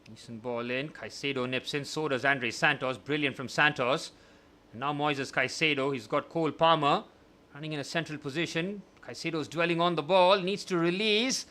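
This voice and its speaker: A young man hosting a live watchalong, giving partisan match commentary that swings from glum musing to excited shouting. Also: on the high side, normal speed. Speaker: watchalong host.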